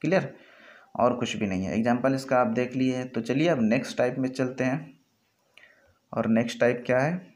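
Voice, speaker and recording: A man's voice: mid-range voice, moderate pace, long pauses, darkish tone. A man with a Hindi accent teaching an English grammar lesson over slides, explaining step by step and often checking in with his students. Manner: explanatory, repeats "ठीक है" often.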